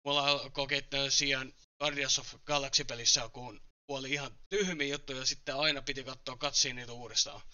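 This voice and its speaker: A man's voice: mid-range voice, fairly even intonation, hardly any pauses, sharp tone, smooth, dry recording, highs cut off. A man streaming a video game live, muttering frustrated, swearing commentary.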